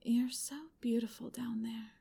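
A woman's voice: a little high, flat delivery, measured pace, gravelly, warm tone, husky. A woman in a whispered ASMR roleplay, speaking in an intimate, commanding whisper.

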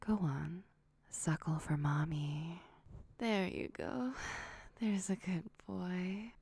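Young woman for intimate ASMR roleplay: soft breathy whisper, low-set, gravelly edge, soothing and doting. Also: steady tone. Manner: slow, soothing, doting, with frequent hums and soft giggles. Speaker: audio roleplay performer.

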